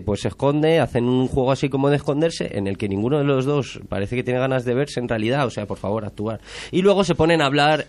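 Sarcastic Spanish man retelling a film. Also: medium pitch. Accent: Spain Spanish. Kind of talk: casual film review chat.

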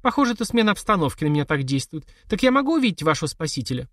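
A man's voice: fairly high pitch, big pitch swings, racing, dry recording, clean studio sound, pitched above the performer's own voice. A man voicing Zoya, a teasing society widow. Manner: teasing, flippant. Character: playful mocking widowed socialite woman.

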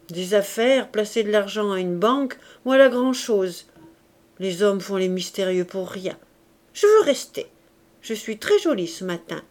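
A woman reading aloud, voicing a playful young bride who teases and pouts in a raised, lively voice. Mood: teasing. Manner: pouting, teasing, high and bright.

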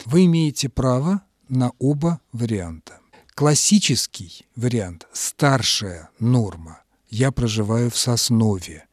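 Husky-voiced man explaining language rules. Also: medium pitch, expressive, no room sound, clean studio sound. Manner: measured, explanatory, lecturing. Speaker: language expert answering listeners' letters. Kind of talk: radio Q&A explanation.

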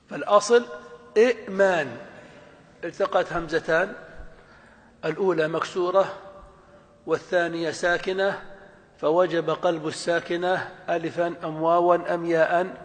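A man teaching a grammar lesson, explaining step by step and asking his students questions. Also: sits high. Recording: long hall reverb.

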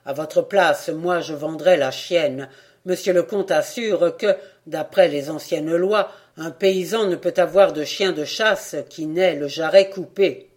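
A stern estate guard from an old country tale, as a storyteller reads him out. He speaks firmly and a little loudly, in the reader's own middling pitch, like a man who is only passing on orders. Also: measured pace, lightly acted.

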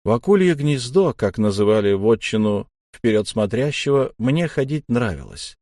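A man narrating a first-person adventure story in a steady, measured reading. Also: medium pitch, no echo, clean studio sound. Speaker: audiobook narrator.

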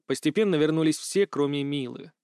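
Male narrator, fantasy audiobook, higher voice, dry studio sound. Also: fairly quick, dark tone, clean tone, no echo. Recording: dry close studio mic.

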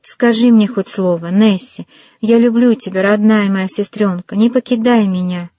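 A woman's voice: medium pitch, unhurried, warm tone, no room sound, lightly acted. A woman voicing a distraught young woman with urgent, pleading cries, in a storybook reading. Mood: desperate.

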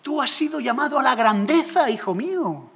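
Man playing husky, coaxing Eden tempter. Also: very high-pitched, animated, moderate pace, fairly bright tone, voice pushed up, heavily acted. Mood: flattering. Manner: coaxing, grandiose preacher's acting. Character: flattering male tempter, smooth and persuasive.

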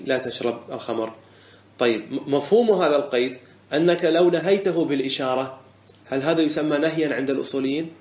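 Male teacher, fairly high voice, explains step by step and quizzes the room, echoey dull recording. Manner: explanatory, repeats phrases, asks and answers his own questions. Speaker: teacher of Islamic jurisprudence. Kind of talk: classroom lesson explaining a text.

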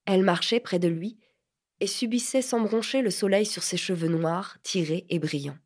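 A woman reads a literary audiobook aloud at a measured pace. Her narration is steady and expressive, and her voice sits at an ordinary pitch for a woman.

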